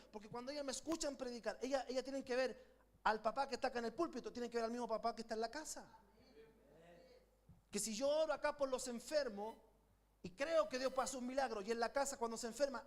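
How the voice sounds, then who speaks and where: A middle-aged man with a Chilean accent, preaching a sermon with passion and calling his congregation to repeat after him. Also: extremely high pitch. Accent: Chilean Spanish. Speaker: pastor. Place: church sanctuary.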